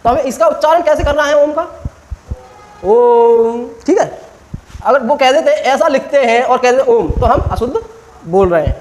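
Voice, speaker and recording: A man's voice: very high voice, lively intonation, a little fast, a little mellow, a little hiss or hum, rough recording. A man teaching a classroom grammar lesson, quizzing students with short questions and stretching vowels out to demonstrate.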